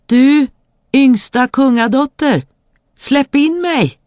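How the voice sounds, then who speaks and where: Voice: medium pitch, expressive, darkish tone, no echo, clean studio sound. A reader voicing an insistent male frog who calls out shrilly in a fairy tale reading. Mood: pleading calls. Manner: calls out shrilly, croaks kvack. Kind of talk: storybook reading.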